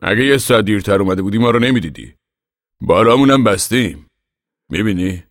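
A man's voice: fairly low pitch, expressive, no room sound, studio quality, voice pushed up. A man voicing an urgent, insistent father of a farming family about to move away.

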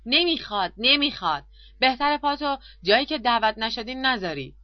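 A woman's voice: medium pitch, animated, no echo, lo-fi sound, natural voice. A woman reading the lines of a stern, irritable young male tutor who scolds and lectures. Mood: angry scolding.

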